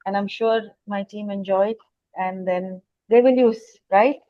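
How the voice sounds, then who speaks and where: A woman's voice: mid-range voice, fairly even intonation, unhurried, no room sound. Woman organizer on a dull, dry call. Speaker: workshop organizer.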